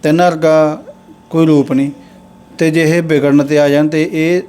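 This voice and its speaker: A young man with a Punjabi accent speaks in a somewhat high, mellow voice. He talks earnestly as an interview host, lecturing in long, drawn-out phrases. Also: level tone. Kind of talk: casual street interview and commentary.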